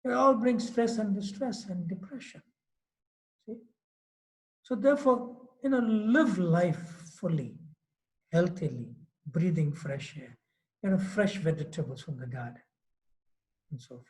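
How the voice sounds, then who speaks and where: A swami in his late fifties gives a devotional class in Mauritius, speaking in a loose, conversational way and often saying "you know." His voice sits high and unhurried, with long pauses, and the audio is poor.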